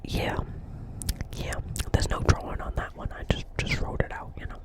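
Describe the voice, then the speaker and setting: At a moderate pace, a whisperer role-plays a doctor's office receptionist, chatty and dreamy, speaking with a New Jersey accent. Her earnest rambling includes repeated phrases and frequent check-ins with the listener.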